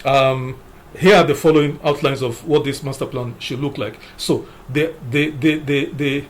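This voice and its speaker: A man's voice: medium pitch, steady tone, moderate pace. A man giving political commentary, emphatic, working through numbered points with frequent "you know" fillers. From Nigeria. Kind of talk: opinion commentary.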